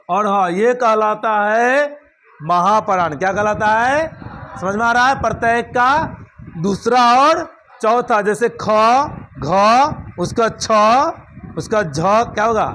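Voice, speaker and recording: A man's voice: sits high, sharp tone, a little hiss or hum. A man teaching a grammar lesson, repeating each point and asking check questions like "understood?" before answering them himself.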